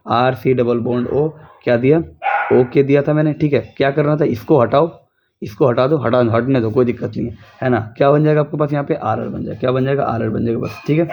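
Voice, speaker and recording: A young man gives a casual chemistry lesson from home, going over each step again and throwing questions at his students. His voice sits at an ordinary middle pitch. The recording sounds a little dull and lo-fi. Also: background noise. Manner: repetitive, drills students with rhetorical questions. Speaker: chemistry tutor.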